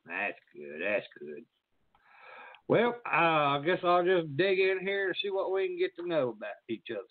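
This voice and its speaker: A man's voice: high-pitched, fairly quick, no room sound. A man hosting a casual interview podcast, swearing freely and stumbling through restarts. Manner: profane, rambling, stumbling restarts. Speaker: podcast host. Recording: tinny phone-like dry sound.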